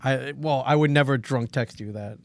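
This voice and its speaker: A man's voice: mid-range voice, normal speed. A man co-hosting a podcast in casual chat, rambling and joking at his own expense. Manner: rambling, joking, self-deprecating. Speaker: podcast co-host.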